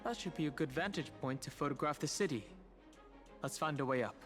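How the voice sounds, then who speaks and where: This is the same video game player character, a wry young traveler concealing where he comes from, voiced by a male actor whose delivery is dry and a bit awkward. Here he speaks a little fast in a fairly bright, slightly high voice that stays close to everyday speech. Game music plays behind him.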